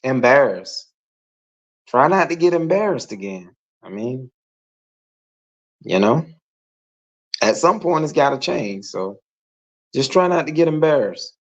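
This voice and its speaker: Slow, blunt man on a dull call line. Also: medium pitch, very animated. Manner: plain-spoken, frank, repeats his points. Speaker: guest co-host. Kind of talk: casual sports chat. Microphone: video call.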